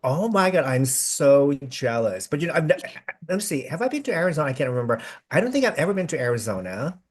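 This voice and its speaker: A man's voice: a little high, sing-song, fast. A man hosting a casual video-call interview, chatty and effusive, with many restarts. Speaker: host.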